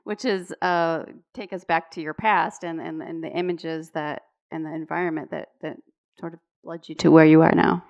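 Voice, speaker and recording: A woman's voice: sits low, steady tone, normal speed, vocal fry, a little mellow, highs cut off. A woman moderating an artist talk as curator, asking questions and responding with short, supportive affirmations.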